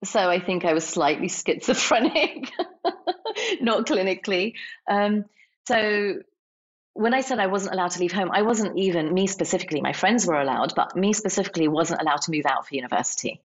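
A woman's voice: mid-range voice, moderate pace. A woman, a podcast guest telling stories candidly, laughing often and acting out voices. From England. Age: 40s. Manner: lively, laughs often, acts out quoted voices. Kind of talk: candid storytelling in conversation. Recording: slightly dull lo-fi audio.

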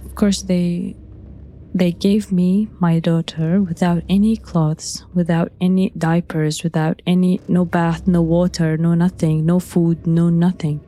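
A young woman whose first language is Arabic, recounting her own experience in halting speech, repeating words with soft nervous laughs. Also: fairly low pitch, slight background noise. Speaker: interviewee. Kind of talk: recounting personal testimony.

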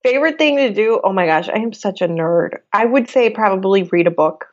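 A woman's voice: mid-range voice, expressive, brisk, highs cut off. A woman in her thirties from Venezuela, a business coach, talking as a guest in a casual, chatty way and often laughing. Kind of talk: casual interview chat.

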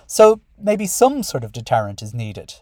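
A middle-aged Irish man presents a podcast monologue in a medium-pitched voice. He moves between prepared script and conversational asides, earnest with a wry edge. The sound is dry, with very little room echo. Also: huge pitch swings, moderate pace, a little mellow. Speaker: podcast host and school principal.

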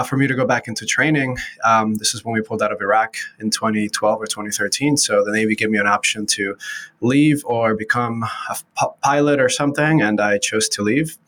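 A low-voiced man from Venezuela, speaking English as a second language in a relaxed interview. He is in his thirties and keeps pausing on fillers and restarting his sentences. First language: Spanish. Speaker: guest, startup founder. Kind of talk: casual interview talk.

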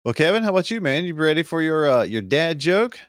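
A man co-hosting a casual podcast, easygoing and quick to laugh, sometimes losing his train of thought. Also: on the high side, big pitch swings, no echo, studio quality. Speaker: podcast co-host.

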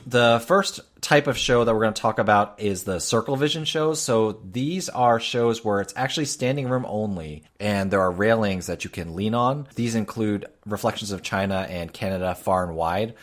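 A man's voice: lowish voice, normal speed, hardly any pauses. A man co-hosting a casual talk show, speaking conversationally with frequent fillers. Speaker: podcast co-host. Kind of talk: casual chat.

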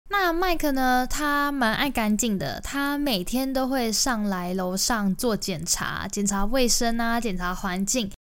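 Animated young woman telling a story. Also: fairly high pitch, smooth. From Taiwan. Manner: animated, emotional retelling. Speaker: podcast host. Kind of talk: personal storytelling podcast.

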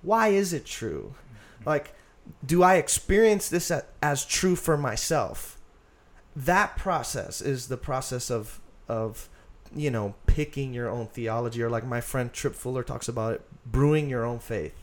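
A man talking in an earnest, animated, casual way about faith on a podcast. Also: mid-range voice, a little slow. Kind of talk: casual conversation.

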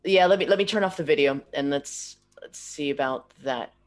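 A woman's voice: deep voice, normal speed. Woman interviewer on a choppy video call. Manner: thinks aloud with frequent restarts and tag questions. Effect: video call audio that breaks up. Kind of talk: remote interview. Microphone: computer or laptop mic on a video call.

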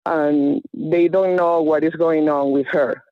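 A woman calling in to a radio show over a phone line, speaking in a hesitant, halting way with many fillers. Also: low voice, fairly even intonation, dry recording. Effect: caller heard over a phone line. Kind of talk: phone-in conversation. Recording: dull phone-line sound.

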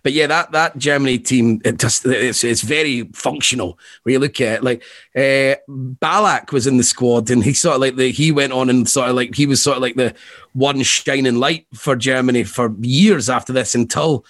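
A man's voice: mid-range voice, normal speed, fairly bright tone, no echo. A man, co-hosting a casual football chat, rambling and laughing often. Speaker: podcast co-host.

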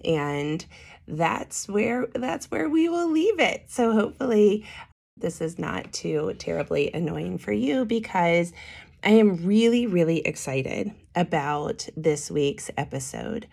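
A woman hosts a casual solo podcast with a hoarse voice that is giving out. Her pitch sits a little low and gravelly creak runs through it. She still talks with emphasis and enthusiasm. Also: expressive, takes it slowly, a little mellow. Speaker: podcast host.

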